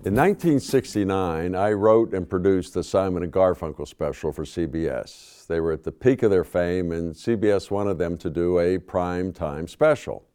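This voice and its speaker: An older man recounting a personal story at a public forum, in a measured, dry manner. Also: low voice, warm tone, smooth, soft background music.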